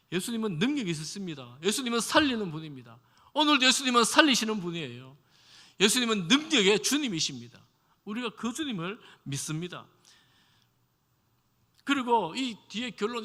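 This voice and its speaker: Korean-style church sermon, guy pastor, chatty, keeps asking the congregation stuff, super bright voice. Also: high voice, sing-song, a little fast. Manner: conversational, asks the congregation questions, acts out quoted speech. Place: church sanctuary. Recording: long hall reverb.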